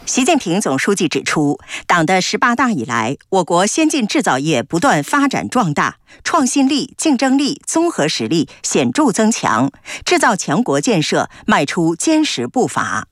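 A woman narrates news in a fairly low voice with strongly varied intonation. The reading is formal and measured, in standard Mainland Mandarin, recorded close and dry. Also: huge pitch swings, dry recording. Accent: standard Mainland Chinese Mandarin.

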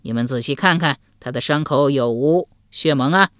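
A woman voicing a stern county magistrate who explains the evidence in a slow, measured, lecturing way. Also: medium pitch, a bit bright, clean tone, no room sound, studio quality, close to an everyday voice.

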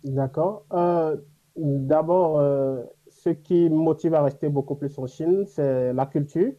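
He's a native speaker of an African language, originally from Africa and now living in China, taking part in an unscripted panel interview. His answers come out earnest and reflective, broken by hesitations. The voice is warm and on the high side, delivered slowly over dull audio.

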